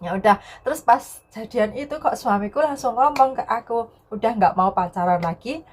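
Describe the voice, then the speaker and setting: With a slightly high voice at a moderate pace, a young adult woman from Indonesia shares a personal story in casual vlog style, and there is slight background noise. She repeats herself often and tags sentences with a soft filler word.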